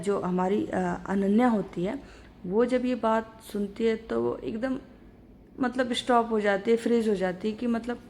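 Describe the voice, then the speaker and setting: A woman's voice: mid-range voice, vocal fry, darkish tone, a little hiss or hum. A woman retelling a college love story in a chatty, casual way, full of fillers. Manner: chatty, filler-heavy, says "our" for characters.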